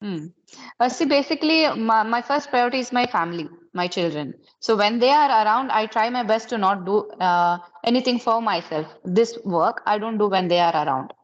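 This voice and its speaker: In a mid-range, expressive voice at normal speed, a thirty-something woman from Karnataka, a native Kannada speaker with an Indian English accent, patiently leads conversation practice by asking many simple questions in turn. The recording is muffled.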